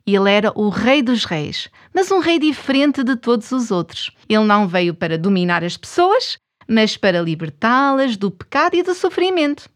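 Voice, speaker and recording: A woman's voice: a little high, very animated, moderate pace. A woman with a European Portuguese accent hosts a scripted Bible storytelling programme for children, speaking expressively to young listeners.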